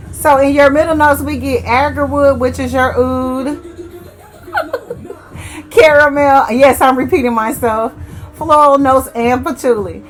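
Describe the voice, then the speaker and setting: A woman with a slightly high voice talks her way through a perfume review in casual, rambling chat. She corrects herself as she goes and addresses her viewers fondly. Soft music plays faintly underneath. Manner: chatty, rambling, self-correcting, affectionate. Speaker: fragrance reviewer.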